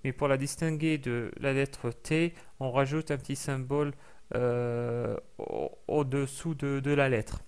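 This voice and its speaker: A man teaching a recorded language lesson, explaining patiently with many fillers and repeating example sounds slowly. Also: mid-range voice, steady tone, clear, resonant tone.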